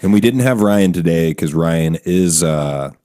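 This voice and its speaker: A man's voice: sits low, lively intonation, measured pace, mellow, no echo. A man hosting a podcast in a studio, easygoing and laughing often in casual chat. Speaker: podcast host.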